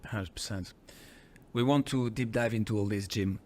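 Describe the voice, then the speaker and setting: A man's voice: on the low side, normal speed, darkish tone, a little hiss or hum. A man with a French accent hosting an interview podcast, casual and upbeat, with eager interjections. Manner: friendly, enthusiastic interjections. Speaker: podcast host.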